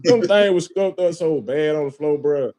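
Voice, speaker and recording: Guy on a podcast telling a crazy story, kinda high voice, cussing and laughing, says man and bro a lot. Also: moderate pace, dark tone. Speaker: podcast host. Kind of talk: casual storytelling chat.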